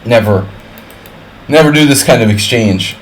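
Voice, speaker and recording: Streaming a chess simul, this man calls out moves and thinks aloud, slipping in offhand jokes and wordplay as he chats wryly with viewers. His voice is medium-pitched and a little slow, on a low-quality recording with slight background noise.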